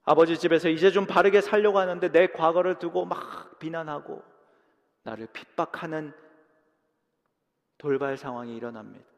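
Gravelly pastor preaching in an echoing church. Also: male voice, a little high, normal speed. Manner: dramatic preaching that swings from loud emphasis to hushed, near-whispered lines; acts out short prayers and quotes within the sermon. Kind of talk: sermon. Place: church sanctuary.

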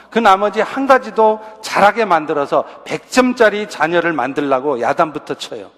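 A man's voice: a little high, a bit bright. A middle-aged man preaching a sermon as pastor, earnest and conversational, with rhetorical questions. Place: church sanctuary. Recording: reverberant church hall.

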